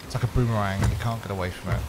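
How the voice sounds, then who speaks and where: A man's voice: on the low side, fairly even intonation, very fast, heavy background noise. A man from Wales hosting a game stream, joking and teasing his co-player and viewers in a playful, self-mocking way. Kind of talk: casual gaming stream chat.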